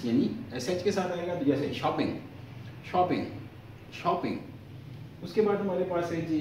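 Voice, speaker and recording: Man teaching in an echoey room, slow and drawn out. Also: fairly high pitch, warm tone. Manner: slow, drawn-out repetition of example words; asks questions and then answers them. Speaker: language teacher. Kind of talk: explaining the alphabet. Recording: echoey, from far off, faint noise.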